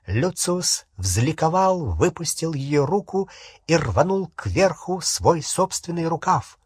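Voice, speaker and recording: A man narrating an audiobook at an unhurried pace, with a husky grain to his voice. His intonation rises and falls in a lively way. The sound is dry and close. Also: fairly high pitch, dry recording. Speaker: audiobook reader. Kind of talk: scripted narration.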